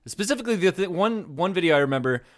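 Thirties male co-host, animated pitch, laughs a lot, loose and casual. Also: quick pace. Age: 30s. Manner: laughs often, lively, swears. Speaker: podcast co-host. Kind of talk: casual chat.

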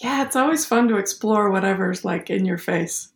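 A woman's voice: medium pitch, animated, normal speed, gravelly. A woman co-hosting a podcast, chatting in an easygoing way with short replies. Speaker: podcast co-host. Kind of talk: casual conversational podcast chat. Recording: roomy echo.

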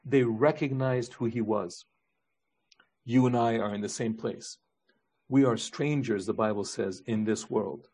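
A man's voice: medium pitch, measured pace, darkish tone, slightly rough. A man preaching a sermon as pastor, earnest, building his points with repeated rhetorical questions.

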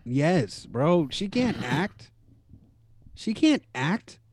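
A man telling stories in a casual podcast chat, animated, swearing casually and laughing often. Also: a little high, extremely slow, a crowd in the background.

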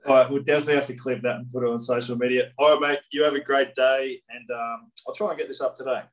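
A man with a medium-pitched voice chats casually as a podcast co-host. He is matey with a dry sense of humour. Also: fairly even intonation, fast, rough recording.

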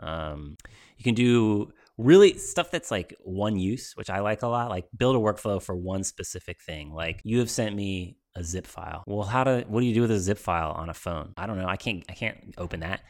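A man's voice: low voice, expressive, moderate pace. A man co-hosting a podcast, chatting casually with lots of ums and likes. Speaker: podcast co-host. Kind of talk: casual tech chat.

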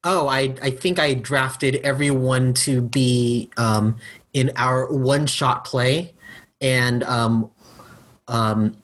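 Slow, husky-voiced man player. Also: medium pitch, fairly even intonation, fairly bright tone. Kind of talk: casual tabletop game chat.

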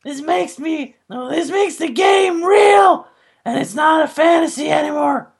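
A woman voicing a melodramatic teenage girl in a comic dramatic reading, often shouting. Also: high-pitched, a little slow, gravelly. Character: overwrought teen girl gamer, melodramatic.

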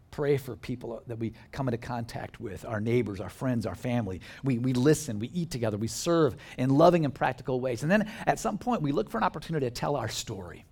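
A male pastor giving a sermon, earnest and emphatic, building his points through repeated lists. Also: medium pitch.

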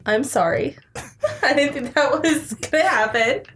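A woman's voice: sits high, unhurried, a bit bright. A woman playing a tabletop game, chatting in a casual, giggly, playful way. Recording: echoey room with audible noise.

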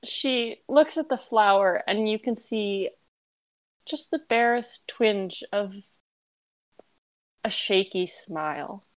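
A woman narrating a tabletop role-playing game as game master, describing scenes gently. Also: medium pitch.

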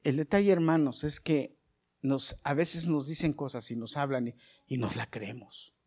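A middle-aged male pastor, preaching a sermon that swings from soft, chatty asides to loud, rising bursts. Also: mid-range voice, moderate pace, slightly rough.

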